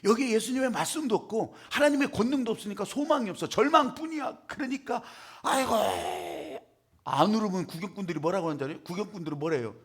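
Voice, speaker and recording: A husky, high-pitched man preaching a Sunday sermon. His delivery is dramatic and lively, leaping between loud outbursts and near-whispers as he acts out the people in his story. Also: quick pace, hardly any pauses. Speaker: pastor.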